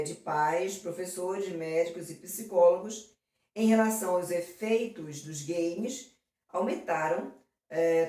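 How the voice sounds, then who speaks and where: A woman's voice: fairly low pitch, a little mellow. A woman teacher going through exam questions, talking affectionately with lots of diminutives and constant check-ins with her students. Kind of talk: exam prep lesson. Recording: very echoey room, mic far off.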